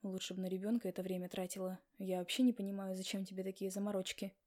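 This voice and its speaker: A woman voicing a husband who insists rather than asks, talking down to his wife in a firm, commanding way. The voice sits lower than the reader's own and has a soft, mellow tone. It is an audiobook scene. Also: little pitch movement, quick pace, lightly acted. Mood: insistent. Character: stern insistent husband, adult man.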